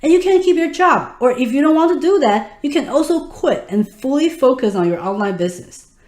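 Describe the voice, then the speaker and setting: Woman in her thirties, Taiwanese Mandarin accent, webinar host; animated, higher pitch, echoey room. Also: fairly quick. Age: 30s. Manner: instructive, addresses the audience directly. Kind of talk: online webinar presentation.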